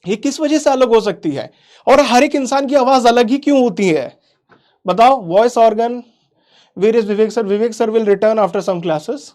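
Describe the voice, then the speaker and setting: A man with a very high-pitched, slightly mellow voice teaches kids in a live online class at a measured pace. He quizzes the chat, calls the students "beta," repeats "theek hai," and mixes English into his explanations.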